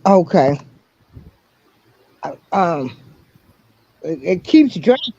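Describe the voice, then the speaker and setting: A woman with a warm, lowish voice and big pitch swings calls into a livestream for a casual chat. She speaks haltingly and restarts often. The dull, lo-fi call line sounds far off, and the choppy, glitchy audio breaks up every other word.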